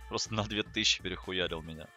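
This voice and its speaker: A man's voice: low-pitched, pushed and bright. A man giving casual live gameplay commentary as a streamer, muttering to himself and swearing heavily. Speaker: game streamer. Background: game music and sounds.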